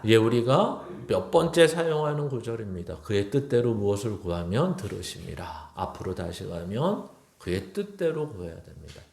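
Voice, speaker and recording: A man's voice: lowish voice, animated, moderate pace, gravelly, a little mellow. A male pastor preaching a sermon to his congregation, often slipping into blunt, informal direct address. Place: church sanctuary. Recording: echoey church hall.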